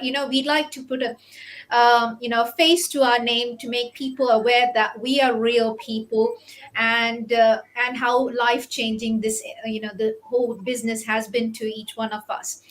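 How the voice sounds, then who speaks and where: Woman host, slightly high voice, casual and filler-heavy, on a video call. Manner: warm filler-heavy host, says "you know" a lot. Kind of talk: casual interview hosting.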